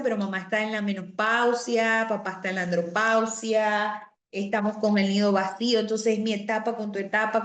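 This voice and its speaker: A woman teaching an online class over a video call. She explains things conversationally, repeats key words and often adds asides. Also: medium pitch. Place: home or office on a video call. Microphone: computer mic on a video call. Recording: roomy video call audio.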